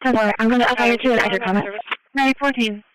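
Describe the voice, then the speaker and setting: A woman's voice: a little high, steady tone, quick pace, very noisy. A woman giving terse, coded calls as a dispatcher over a two-way police radio. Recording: police radio with busy chatter behind.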